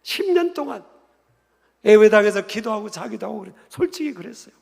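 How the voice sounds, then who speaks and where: A middle-aged male pastor preaching an emphatic sermon in a church, asking the congregation questions and building to shouts. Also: high voice, expressive, fairly quick, vocal fry. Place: church sanctuary. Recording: church hall reverb.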